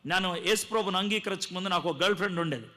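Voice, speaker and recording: A man's voice: high voice, rapid-fire, sharp tone. A man preaching a testimony sermon to a live gathering, telling his story dramatically and acting out the dialogue. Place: live gathering before a congregation.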